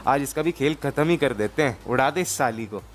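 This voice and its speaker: A hot-headed young gang leader voiced by a man who swears and threatens at an ordinary pitch. It is game roleplay voice acting, with faint noise behind. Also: expressive, fairly quick, natural voice. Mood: menacing. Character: hot-tempered young male gang leader and devoted son.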